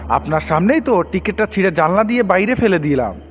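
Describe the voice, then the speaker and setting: A man's voice: sits high, very animated, quick pace. An actor playing a stubborn young male passenger in a horror audio drama, indignant and pleading with the conductor. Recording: long reverb with background music.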